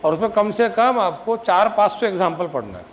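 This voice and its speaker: Male coaching teacher, high voice, drills and teases a class, noisy room. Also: very animated, fairly quick. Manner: drills students, chants formulas, teasing scolds. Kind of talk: classroom lecture.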